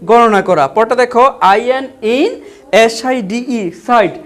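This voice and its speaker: A man's voice: extremely high pitch, moderate pace. Man teaching words letter by letter. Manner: spells words letter by letter and asks repeated questions. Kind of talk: online English vocabulary lesson.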